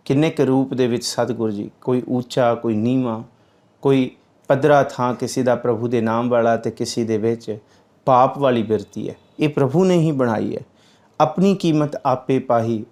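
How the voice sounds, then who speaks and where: A man giving a religious scripture commentary, reciting verses slowly and then explaining them in plain speech. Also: mid-range voice, darkish tone.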